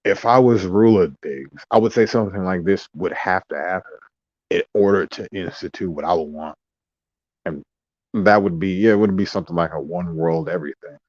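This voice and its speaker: Low-voiced man rambling in a dull dry recording. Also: moderate pace, darkish tone, no echo. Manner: rambling, wandering asides and mock voices. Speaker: vlogger. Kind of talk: rambling casual monologue.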